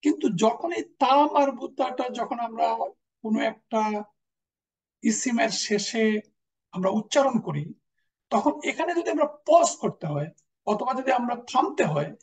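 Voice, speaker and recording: A teacher, patiently explaining grammar and repeating each example word. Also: mid-range voice. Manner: patient explanation, repeats example words, mixes in English terms. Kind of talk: classroom lecture. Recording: voice distant from the mic.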